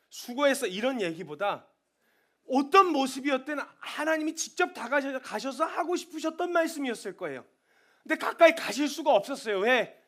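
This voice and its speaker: High, animated man preaching a sermon. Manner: swings from soft confiding to loud impassioned pleading. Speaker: missionary preacher. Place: church sanctuary.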